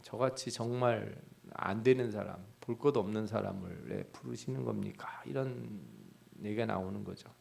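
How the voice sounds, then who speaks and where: A pastor with a fairly low, gravelly voice expounds on the Bible at normal speed in a chatty sermon style, questioning his congregation directly. He dramatizes prayers and private thoughts by speaking them in quoted voices.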